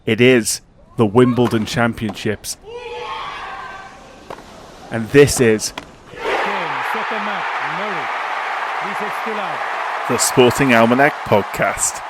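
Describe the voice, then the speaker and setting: A man's voice: medium pitch, steady tone, slow, long pauses, heavy background noise. A man reading a scripted, dramatic podcast introduction. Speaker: podcast host.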